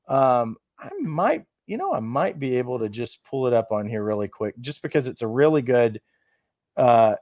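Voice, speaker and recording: A man with a slightly high voice hosts a live coach training webinar over a video call, upbeat and casual as he reads out viewer comments. The sound is dry and clean, like a studio.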